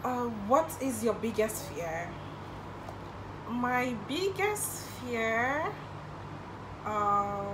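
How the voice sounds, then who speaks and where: A young adult woman with a fairly high voice and a Nigerian accent, a native Igbo speaker, chats casually through get-to-know-me questions as a YouTuber, answering with little laughs. She's in her bedroom, recorded on a camera in front of her at desk distance, with a noisy background.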